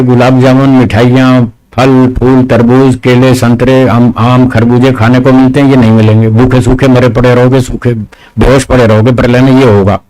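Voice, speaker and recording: This man, is a spiritual teacher answering questions in a question-and-answer session. His voice sits in an ordinary middle pitch. He lays out arguments step by step, often asking rhetorical questions. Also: darkish tone, rough recording. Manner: patient, explains step by step, asks rhetorical questions; firm with questioners.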